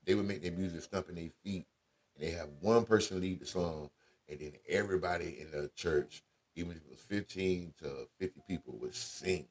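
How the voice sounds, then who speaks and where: Deep husky-voiced man telling stories. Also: brisk. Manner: laid-back, conversational, Southern slang. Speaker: radio show host. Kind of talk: casual storytelling monologue.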